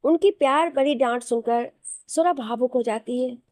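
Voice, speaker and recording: A woman storyteller narrating a dramatic story in a steady, scripted way. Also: fairly high pitch, unhurried, dry recording, clean studio sound.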